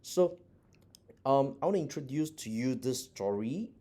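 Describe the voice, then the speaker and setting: A man's voice: mid-range voice, animated, a little slow, warm tone. A middle-aged man teaching a motivational class, earnest and repetitive with many fillers. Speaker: teacher and business mentor.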